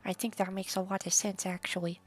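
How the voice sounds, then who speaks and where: A woman streaming a building game, talking to herself in a loose, wandering ramble at an ordinary mid pitch. Her thoughts trail and restart as she goes. Faint music plays underneath. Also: flat delivery, brisk. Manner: rambling, chatty, trails off into half-whispered asides; swears casually. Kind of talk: casual gameplay commentary.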